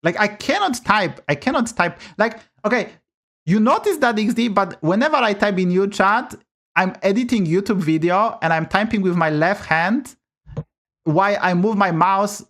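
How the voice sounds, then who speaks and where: A high, fairly bright male voice with a Polish accent belongs to a native Polish speaker casually commentating a game stream at home. Blunt by nature, he swears often and complains loudly about bugs.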